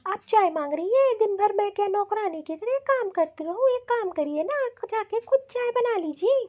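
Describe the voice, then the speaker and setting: Cartoon bahu, voiced by a woman: sharp-tongued, very high, dull recording. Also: expressive, moderate pace. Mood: defiant. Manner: snappy, talking back. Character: defiant young daughter-in-law, sharp-tongued. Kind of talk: cartoon voice acting.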